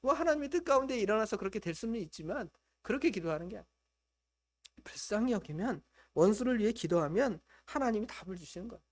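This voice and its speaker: High-voiced male pastor preaching animatedly. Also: quick pace. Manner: lively preaching that acts out quoted voices, with chuckles. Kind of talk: sermon. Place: church.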